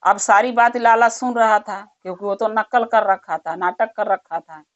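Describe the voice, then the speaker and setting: A woman's voice: medium pitch, fairly even intonation, normal speed, dry recording. A woman narrating a devotional story in a plain, conversational way. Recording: dull muffled recording.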